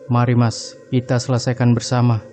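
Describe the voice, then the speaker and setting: A man voicing a calm male religious cleric in a horror story, speaking in a measured, instructive way. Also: medium pitch, faint music behind, close to an everyday voice. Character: calm male Islamic boarding school cleric.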